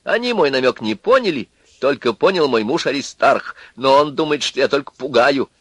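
A man voicing a sharp-tongued, scornful middle-aged wife in an audiobook reading. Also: mid-range voice, expressive, normal speed, no echo, pitched above the performer's own voice. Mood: complaining. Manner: scornful, mocking.

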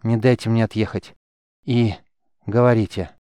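A man's voice: fairly low pitch, fairly even intonation, normal speed, mellow, clear, resonant tone, dry recording, clean studio sound, lightly acted. A man voicing a stubborn, hot-tempered young mage who is badly wounded and talks in a strained, urgent way.

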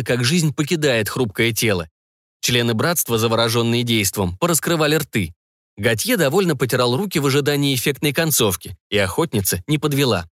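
Man narrating a dark fantasy story. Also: mid-range voice, no echo, clean studio sound. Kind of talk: dramatic audiobook narration.

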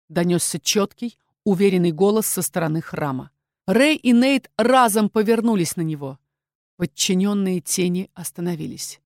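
A woman narrating a fantasy audiobook with an expressive, dramatic reading. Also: mid-range voice, dry recording, clean studio sound.

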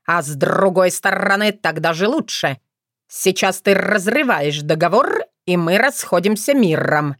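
A woman's voice: fairly low pitch, expressive, a little slow, a bit bright, dry recording, clean studio sound. A woman voicing a blustering, bossy crow father who barks at his family, in a storybook reading. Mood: angry. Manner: barking.

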